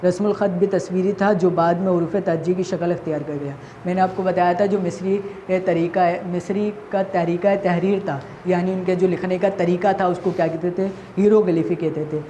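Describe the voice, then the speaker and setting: Woman teacher, Pakistani Urdu accent, lowish voice, asks and answers her own questions, faint hiss behind. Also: steady tone, hardly any pauses, warm tone, lo-fi sound. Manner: asks questions and answers them herself, repeats key points. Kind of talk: recorded class lesson for children. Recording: faint background noise.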